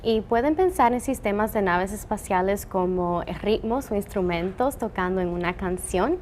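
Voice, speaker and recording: A woman's voice: mid-range voice, lively intonation, moderate pace, a little mellow. Earnest Dominican-born woman engineer, faint noise. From Dominican Republic. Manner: earnest, with frequent "eh" fillers. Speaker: telescope operations engineer. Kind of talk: interview answers.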